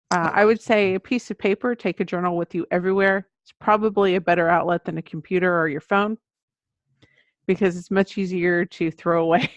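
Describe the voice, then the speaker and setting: In an interview, a middle-aged woman who writes children's books answers conversationally in a fairly low-pitched voice. There's no echo, and the lo-fi recording sounds dull.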